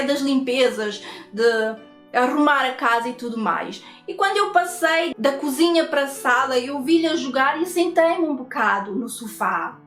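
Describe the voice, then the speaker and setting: High-voiced woman giving earnest testimony. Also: a bit bright, roomy sound. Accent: European Portuguese. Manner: earnest, repetitive storytelling with tag questions. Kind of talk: personal faith testimony.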